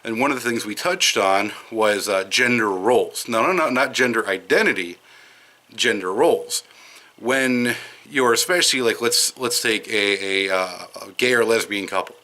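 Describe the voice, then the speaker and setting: A man's voice: medium pitch, expressive, normal speed, hardly any pauses, pushed and bright. A man from Wisconsin with a light Wisconsin accent, talking in a casual, rambling monologue full of fillers and restarts while on a smoke break outdoors. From Madison, Wisconsin, USA. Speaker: video commentator.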